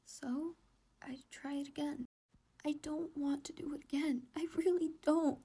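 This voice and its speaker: Woman doing a scared teen boy, whispered role-play, shaky and pleading, kinda high and raspy. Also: steady tone, measured pace, warm tone, heavily acted. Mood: tearful. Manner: shaky, pleading, self-questioning. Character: anxious distressed teenage boy.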